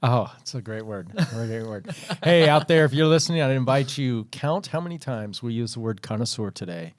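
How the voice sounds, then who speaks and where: A man's voice: mid-range voice, animated, fairly quick, dry recording, studio quality. A man hosting a podcast interview, asking questions in an upbeat, joking, friendly manner. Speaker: podcast host.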